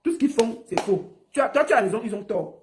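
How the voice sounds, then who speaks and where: A woman's voice: fairly high pitch, lively intonation, a little fast, a little mellow, a little hiss or hum. A woman ranting on a livestream, mocking and scolding someone with lots of repetition. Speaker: online personality. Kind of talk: livestream rant.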